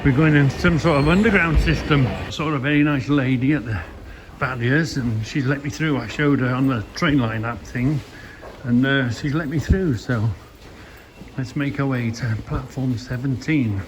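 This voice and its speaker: A man's voice: medium pitch, normal speed. A man, musing aloud in a casual, rambling travel vlog recorded around trains and stations. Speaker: travel vlogger. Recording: noisy handheld recording amid station and train noise.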